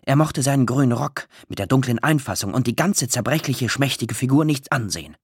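A man reading a literary story aloud, expressive and emotional, with drawn-out pauses. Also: medium pitch, slightly rough, no echo, studio quality. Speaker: audiobook narrator. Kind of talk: scripted literary narration.

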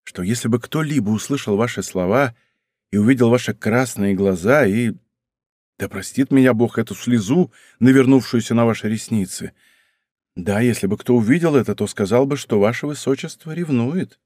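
A man voicing a young nobleman in love who speaks softly, respectfully and with restraint. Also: normal speed, no room sound, clean studio sound, close to an everyday voice. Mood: restrained earnest. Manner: low, soft, restrained and deferential. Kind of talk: audiobook character reading.

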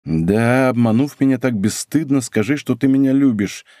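Give me an impulsive, sly young nobleman, passionate and loud in his vows, voiced by a man, in a dry close recording. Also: medium pitch, moderate pace, no room sound, natural voice.

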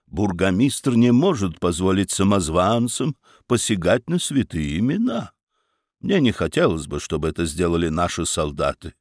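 A man's voice: low voice, very animated, normal speed, no room sound, clean studio sound, voice pushed down. A man voicing a middle-aged burgomaster, a persuasive official with a soothing, coaxing manner. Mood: heavy, reluctant.

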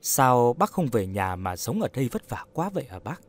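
Storybook role: earnest young woman, put on by a male narrator, soft-spoken, courteous, lively pitch. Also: moderate pace. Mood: gently probing. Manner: soft, coaxing, polite.

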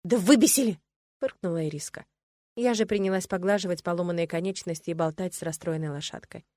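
A woman's voice: fairly low pitch, a little fast, warm tone, no room sound, lightly acted. A woman voicing a sulky young mare with fangs in an audiobook, grumbling and snorting her complaints. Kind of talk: audiobook character voice.

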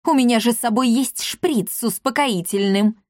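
A woman voices a fussy male doctor in a storybook reading, exclaiming in a raised voice. She pitches it above her own voice, though it stays close to an everyday sound, a little high and at normal speed. The recording is clean studio audio with no room sound.

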